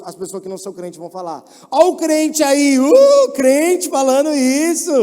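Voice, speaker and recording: High-voiced young preacher, reverberant hall. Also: male voice. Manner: shifts from soft and low to loud mock voices. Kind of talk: sermon.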